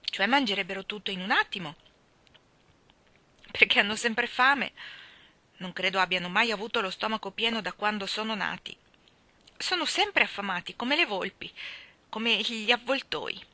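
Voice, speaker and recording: A woman voicing a cheerful, talkative young housemaid who speaks in a lively, homely and blunt way in a storybook reading. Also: medium pitch, normal speed, pauses often, no echo, close to an everyday voice. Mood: chatty, lively.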